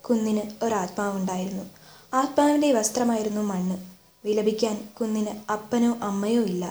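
A woman's voice: mid-range voice, a little mellow. Woman reading a literary story aloud. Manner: measured, re-reads slips aloud. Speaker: story reader. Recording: echoey room.

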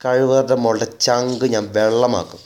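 A man voicing a gruff, grumbling middle-aged village man in a spoken story. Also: medium pitch, fairly even intonation, moderate pace, darkish tone, natural voice.

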